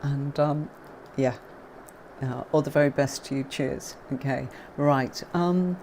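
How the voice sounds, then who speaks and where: Low-voiced woman hosting a tarot live stream. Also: takes it slowly, darkish tone, a little hiss or hum. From father is Irish. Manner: chatty, grateful, greets viewers by name. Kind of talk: casual live-stream chat with viewers.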